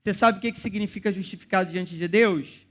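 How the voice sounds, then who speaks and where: A young man with a Brazilian accent gives a sermon to teenagers. His voice sits high for a man, and he keeps it loose and chatty, dropping slang and calling the listeners "cara" as he goes. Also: fairly quick. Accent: Brazilian Portuguese. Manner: casual slang-filled preaching, calls listeners "cara". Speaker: youth pastor. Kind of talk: youth sermon.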